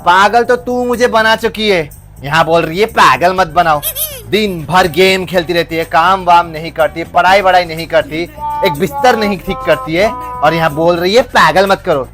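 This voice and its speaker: A man's voice: high voice, moderate pace, fairly bright tone. Man playing a nagging, sarcastic father. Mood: scolding. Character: scolding exasperated father. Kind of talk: comedy sketch acting. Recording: faint music behind.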